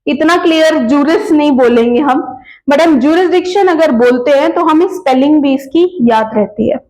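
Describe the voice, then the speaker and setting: A woman's voice: high-pitched, normal speed, a little mellow, roomy sound, rough recording. A woman teaching a law class, mixing Hindi and English, asking questions and answering them herself, repeating key terms. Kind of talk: lecture.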